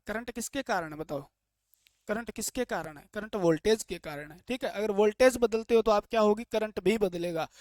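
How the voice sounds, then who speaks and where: A man's voice: high voice, dry recording, clean studio sound. A male teacher giving a classroom lecture, chatty and plain, who keeps asking questions and answering them himself to drill the key points. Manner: plain, chatty and jokey explaining.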